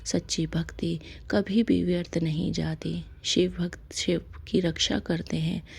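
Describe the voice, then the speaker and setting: Female devotional host, low gravelly voice, unhurried soft-spoken instruction with whispered line endings. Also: steady tone. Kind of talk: devotional instruction on a fasting ritual.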